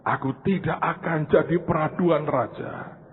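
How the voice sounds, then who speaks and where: A man's voice: on the high side, steady tone, measured pace, slightly rough, big-room sound, pitched above the performer's own voice. A man voicing a sorrowful young tree. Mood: lamenting. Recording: tinny phone-like sound.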